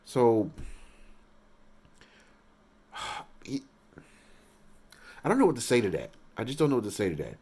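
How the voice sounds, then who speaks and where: A man giving casual, rambling commentary on a TV episode, halting and restarting his sentences and getting excited at big moments. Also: mid-range voice, slightly rough. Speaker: reaction video host.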